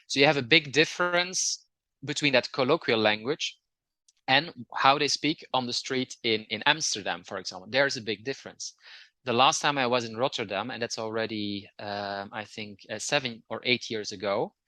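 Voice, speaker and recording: A man's voice: mid-range voice, sharp tone, no echo. A man from Belgium with a Flemish accent and Dutch as his native language, explaining things in casual conversation, often hesitating and repeating words. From Belgium, near the Dutch border. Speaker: interview guest.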